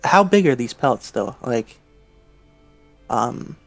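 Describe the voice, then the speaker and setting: A man playing a tabletop game, chatting casually as he describes his actions and haltingly thinks out loud. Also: mid-range voice, lively intonation, gravelly, no echo, soft background music.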